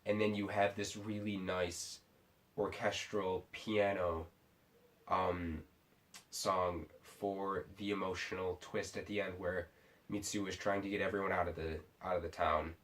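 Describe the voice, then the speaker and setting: Male, tipsy reviewer, lowish voice, loose off-the-cuff delivery that stumbles and doubles back on itself. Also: flat delivery, fairly bright tone. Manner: rambling, halting, repeatedly restarts sentences. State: tipsy from drinking sake. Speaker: film reviewer. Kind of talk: casual unscripted movie review.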